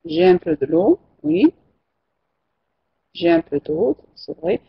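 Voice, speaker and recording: A woman teaches French online in a medium-pitched, husky, sing-song voice with vocal fry, taking things slowly. The recording of the lesson is muffled and lo-fi, and she patiently repeats and corrects her students' replies.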